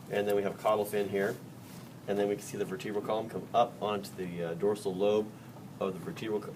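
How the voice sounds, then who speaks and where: A man teaching a biology class during a dissection, joking and quizzing his students. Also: low-pitched. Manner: jokey, chatty, quizzes the class. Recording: distant mic in a noisy classroom.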